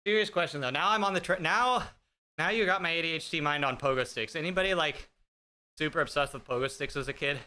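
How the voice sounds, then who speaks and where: Bright and a bit high, this male streamer's voice moves at a quick pace as he jokes around. In his 30s, the chatty, self-deprecating fitness streamer talks with live-stream viewers while pedaling an indoor bike, using a noise-gated streaming desk mic.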